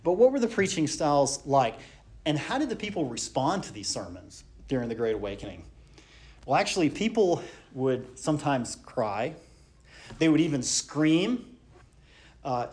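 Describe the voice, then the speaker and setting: With a darkish tone and a pitch in the middle range, this man gives an unscripted, conversational church history lesson. He keeps stumbling on fillers and restarting his sentences, and he tosses rhetorical questions at his students.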